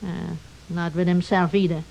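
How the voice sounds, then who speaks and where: A woman's voice: on the low side, little pitch movement, normal speed, vocal fry, a little mellow, highs cut off. An actress playing a meddling, self-pitying older mother-in-law with melodramatic, wheedling manner and inverted phrasing in an old radio drama. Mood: wheedling, sardonic.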